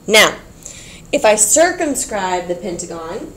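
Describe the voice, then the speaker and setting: A woman's voice: medium pitch, sing-song, slow pace, fairly bright tone. A woman teaching a geometry class, explaining patiently, repeating key points and checking in with her students. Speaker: math teacher.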